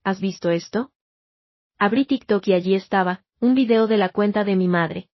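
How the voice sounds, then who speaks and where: A woman tells a first-person story in a measured, even voice of middle pitch. The recording is dry with no room sound and slightly dull, muffled in the highs. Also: no echo. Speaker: narrator.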